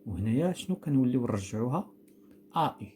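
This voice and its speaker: Mellow-voiced Moroccan male teacher. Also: medium pitch, animated, racing, slight background noise. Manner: patient, explains step by step and quizzes a pupil; spells out words letter by letter. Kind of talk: recorded classroom grammar lesson.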